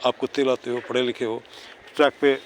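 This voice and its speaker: A man's voice: mid-range voice, level tone, a little fast, slight background noise. A man casually teaching children outdoors near a city park, mixing English words into his talk, reciting rhyming slogans and checking understanding with constant tag questions. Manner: mixes English words and phrases into Hindi. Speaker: neighbourhood cleanliness volunteer teaching children.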